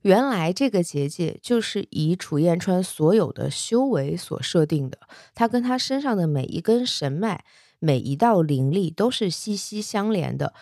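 Chatty woman with a low voice telling a story. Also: animated, moderate pace, warm tone, dry recording, studio quality. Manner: chatty, laughs often. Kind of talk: casual storytelling.

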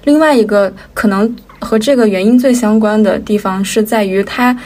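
A woman's voice: mid-range voice, normal speed, a little mellow, distant mic. A woman co-hosting a podcast, talking through ideas in casual, analytical chat with some internet slang. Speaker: podcast co-host.

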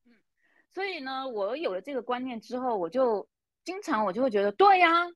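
A woman's voice: high voice, sing-song, brisk, fairly bright tone, no echo. A woman, co-hosting a casual coaching talk and earnestly sharing her ideas. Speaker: coach, podcast co-host. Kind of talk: casual conversation.

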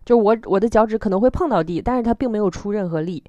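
A woman with a Northeastern Chinese accent chats casually as a co-host. She tells things in an animated, self-mocking way, at a middling pitch. The sound is close and dry. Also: quick pace, no room sound, lo-fi sound. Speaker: podcast co-host. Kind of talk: casual chat.

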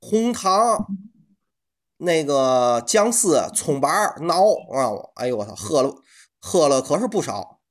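Male podcast co-host, Tianjin accent. Highly animated delivery, casual comic banter, earthy everyday wording. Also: unhurried. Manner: colloquial, mildly profane.

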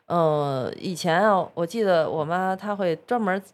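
A woman's voice: on the low side, moderate pace. A woman with a Beijing accent chatting casually as a podcast co-host, colloquial and curious. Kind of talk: casual food chat.

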